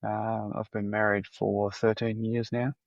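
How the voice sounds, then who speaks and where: A man from New Zealand in his thirties, with a New Zealand accent, answers as a podcast guest in a plain, matter-of-fact way. His voice is low. The sound is dull and lo-fi, and the room is dry. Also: little pitch movement, unhurried, creaky, dry recording. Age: 30s.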